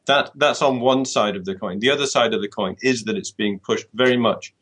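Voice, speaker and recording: A man's voice: medium pitch, brisk, fairly bright tone, breathy edge. A man from the UK, an author giving an interview and reasoning things through, often repeating words as he thinks. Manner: thoughtful, restarts and repeats words while reasoning. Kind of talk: conversational interview.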